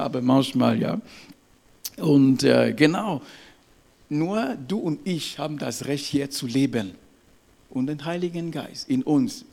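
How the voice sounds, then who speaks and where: Male preacher, gravelly voice, slightly high, emphatic sermon, halting with restarts. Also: darkish tone. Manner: emphatic, punctuates with "ja?" and "Amen".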